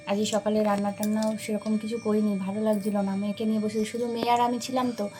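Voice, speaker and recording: Chatty woman with a mellow voice. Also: mid-range voice, little pitch movement, fast talker, soft background music, poor audio. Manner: chatty, homely, talks straight to viewers. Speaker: vlogger and homemaker. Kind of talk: casual vlog narration to viewers. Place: home, indoors.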